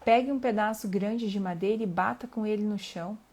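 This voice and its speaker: A middle-aged woman with a Brazilian accent, hosting a reflective live talk on emotions and reading passages aloud in a calm, earnest way. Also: mid-range voice. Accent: Brazilian Portuguese. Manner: calm and earnest, pausing with fillers, asking the listener questions.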